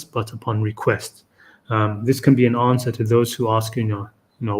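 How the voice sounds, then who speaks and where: A man with an ordinary mid-range voice talks through his ideas on an unscripted live stream. He pauses often, fills gaps with "um," and keeps checking in with his listeners with "okay?" and "right?". His tone is explanatory and unhurried, as if he is reasoning aloud. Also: medium pitch. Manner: halting, frequent "um" and tag "okay?". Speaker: host of a Quran reflection series.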